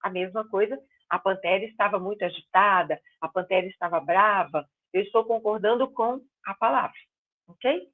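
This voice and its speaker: A woman teaching a grammar class online, explaining patiently and stressing example words loudly. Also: medium pitch. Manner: explains slowly, stretching and exaggerating words as examples. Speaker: Portuguese teacher. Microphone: video call. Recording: tinny phone-line sound.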